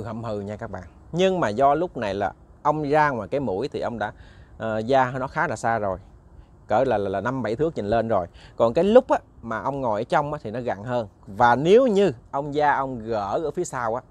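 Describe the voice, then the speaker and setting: A man with a Southern Vietnamese accent, hosting and casually telling a ghost story straight to his listeners, often repeating words as he searches for the next one. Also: mid-range voice. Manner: chatty, repeats words while searching, addresses listeners directly. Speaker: ghost story narrator, channel host.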